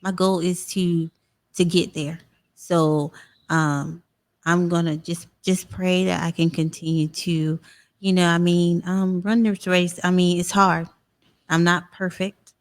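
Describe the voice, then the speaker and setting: Female guest, lowish voice, sincere, hesitant with plenty of fillers. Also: flat delivery. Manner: faith-filled, halting, many ums. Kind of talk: casual interview chat.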